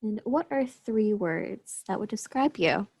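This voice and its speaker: A woman's voice: medium pitch, expressive, unhurried, gravelly, a little mellow, slightly rough. A woman interviewer asking prepared questions and giving brief, casual, affirming reactions.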